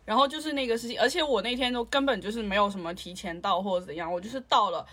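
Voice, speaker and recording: A woman's voice: mid-range voice, very fast, a bit bright. A woman in casual chat, ranting and slipping in English phrases. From lives in Shanghai.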